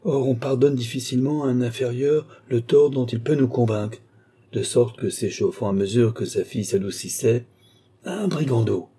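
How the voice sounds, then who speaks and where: A man narrating a classic novel in a measured, even reading. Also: mid-range voice, slightly rough. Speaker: audiobook narrator.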